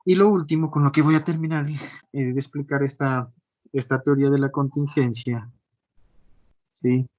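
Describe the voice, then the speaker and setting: A man's voice: mid-range voice, steady tone, moderate pace, pauses often, a little mellow, no echo. A man teaching an online class, constantly checking in with his students. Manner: frequent checking tags like "¿sí?". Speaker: university lecturer. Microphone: computer mic on a video call. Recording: dull lo-fi online call audio, dry.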